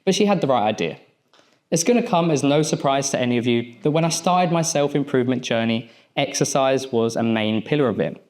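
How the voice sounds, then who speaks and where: Young man, mindset coach, motivational stage speech, storytelling, punchy short phrases, mid-pitched voice. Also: lively intonation, a little fast, a little mellow. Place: event stage at a podium.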